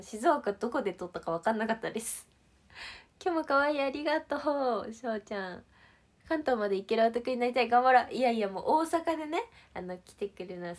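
Young woman, from Shizuoka, livestream host, casual chat, bubbly, giggly, playful, slightly high voice. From Shizuoka, Japan.

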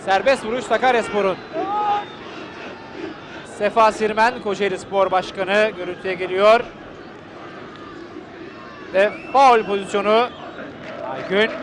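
A man giving live football play-by-play in clipped phrases, calling out players' names and shouting excitedly at chances. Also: high-pitched, a little slow, pauses often. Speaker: football commentator. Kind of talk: live play-by-play match commentary. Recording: loud crowd and noise behind. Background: stadium crowd.

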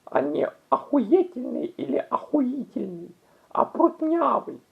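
Woman, gravelly voice, high lively pitch, halting delivery, tinny phone-like audio. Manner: halting, with many restarts and drawn-out fillers. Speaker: language explainer. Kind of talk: casual explainer video.

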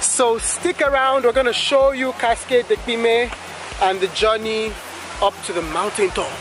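A woman's voice: on the high side, fairly even intonation, a little slow, background noise. A young woman travel companion, chatting casually and teasing her friend while filming. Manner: playful, teasing. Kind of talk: casual chat.

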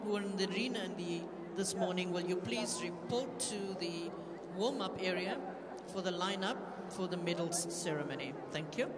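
A man making formal public address announcements at a sports event, heard through the loudspeakers of a large arena. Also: high voice, moderate pace, heavy background noise. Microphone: PA system heard through the hall. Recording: long reverb of a big sports hall.

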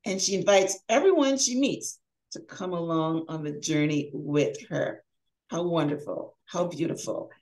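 A woman's voice: fairly low pitch, measured pace, darkish tone, low-quality recording. A middle-aged woman hosting a podcast, reading an introduction with upbeat, emphatic delivery over a video call. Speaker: podcast host, life coach. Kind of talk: scripted introduction and interview. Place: home room, video call.

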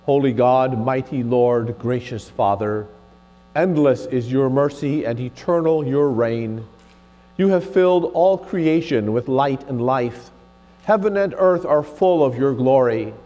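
A man in his sixties, a presiding pastor reciting communion prayer in a solemn, measured way in a large, echoing church. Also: mid-range voice, expressive, warm tone, dull audio. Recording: long cathedral-like echo, faint music.

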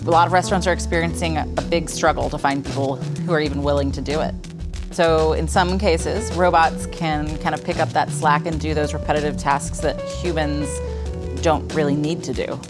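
Low-voiced, chatty woman interviewee. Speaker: food writer.

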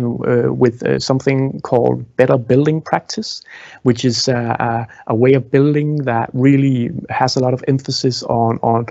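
Man in his thirties, live tour guide, halting and filler-heavy, a little gravelly, muffled lapel mic. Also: medium pitch, darkish tone, no echo. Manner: halting, many fillers and restarts, gestures while talking. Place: indoor museum exhibition hall. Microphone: clip-on lapel mic. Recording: dull lo-fi sound.

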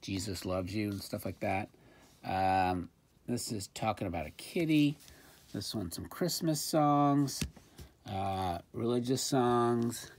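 Speaking slowly in a lowish, expressive voice, a man presents a gadget review at an indoor tabletop. The hands-on demo is casual and slightly hesitant, like he's thinking out loud. Handling clicks and faint background noise accompany him.

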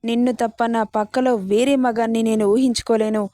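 A woman voicing an obsessed, jealous young woman who shouts and pleads for the man she wants. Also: fairly high pitch, steady tone, normal speed, no echo, clean studio sound, close to an everyday voice. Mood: furious.

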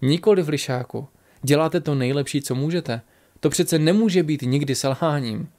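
A man voicing a wise male sage who counsels calmly and instructively in a storybook. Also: a little high, lightly acted. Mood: counselling. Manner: calm, instructive.

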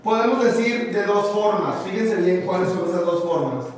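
Upbeat high-voiced teacher, echoey hall. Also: male voice. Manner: upbeat, encouraging, mixes Spanish and English, slows for dictation. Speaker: English teacher. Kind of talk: live online English class. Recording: echoey hall, far from mic, music behind.

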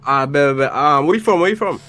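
A man's voice: on the high side, lively intonation, quick pace, bright, forceful tone. A man in his twenties from Egypt, flirting with an easy slang manner as a contestant on a dating stream. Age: 20s. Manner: laid-back slang, flirty, says "for sure" and "I bet". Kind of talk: casual flirty chat.

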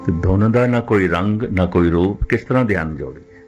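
Older man preaching slowly, low voice. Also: darkish tone, muffled recording, faint music behind. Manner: measured, repetitive phrasing, slows to recite scripture. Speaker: Sikh preacher giving katha. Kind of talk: religious discourse, katha.

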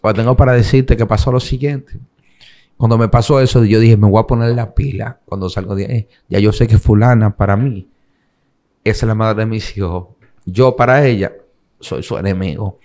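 A man's voice: lowish voice, normal speed. A young man with a Dominican accent from the Cibao region, telling his story as an interview guest and acting out what others said. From Dominican Republic. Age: young adult. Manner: animated retelling, acting out the voices of others in quotes.

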